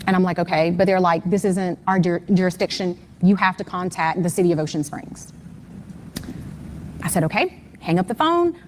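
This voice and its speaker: A woman's voice: lowish voice, darkish tone, a little hiss or hum. A middle-aged woman, a mother being interviewed, retelling events step by step with frequent fillers. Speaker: interview guest, mother of the missing person. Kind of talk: conversational personal account.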